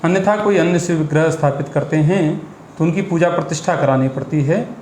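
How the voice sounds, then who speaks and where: A man speaks in a measured, instructive manner, explaining ritual practice and slipping in Sanskrit terms. His voice sits a little high. The room is echoey, with faint noise behind him. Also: darkish tone. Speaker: astrologer and priest guest.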